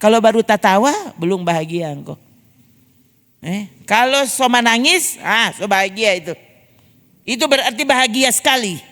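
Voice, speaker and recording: A male pastor with a Manado Malay accent, telling stories to his congregation with animated energy and calling out to them as he preaches. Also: high-pitched, moderate pace. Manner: animated storytelling, calls out to the congregation. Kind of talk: sermon. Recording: echoey church hall.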